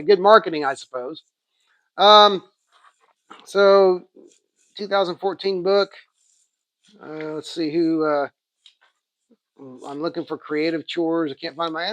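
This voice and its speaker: With highs cut off but no echo, the recording captures a man's high, slightly bright voice. He's a comics channel host with an Oklahoma accent, rambling and thinking aloud in a casual show-and-tell review of what he got.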